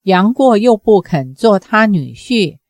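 Slow, deliberate woman narrator. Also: medium pitch, very animated, a little mellow, dry recording, clean studio sound. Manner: measured, deliberate storytelling. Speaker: audiobook reader. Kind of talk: scripted novel narration.

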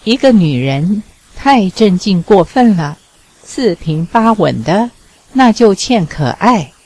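A woman's voice: mid-range voice, sing-song, slow, a little mellow, breathy edge, heavily acted, low-quality recording. Woman reading as a teasing young charmer. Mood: coaxing. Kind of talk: audiobook reading.

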